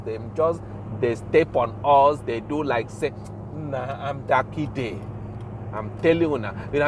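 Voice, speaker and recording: A man from Nigeria with a Nigerian accent, hosting a show with an informal Pidgin rant in a halting, repetitive, emphatic manner. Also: fairly high pitch, fairly bright tone, slight background noise, poor audio. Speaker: show host.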